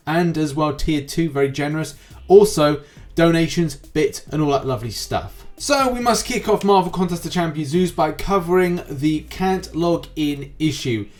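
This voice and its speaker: A man hosts a semi-scripted gaming news show on YouTube, offering wordy, rambling commentary in a presenter's style. His voice is a little high with a darkish tone, and background music plays underneath.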